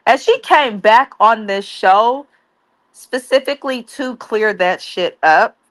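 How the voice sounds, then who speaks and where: A woman's voice: a little high, slow, no room sound. A woman co-hosting a TV recap, talking bluntly and profanely in a casual, ranting way. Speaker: co-host of a TV recap show. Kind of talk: casual review chat.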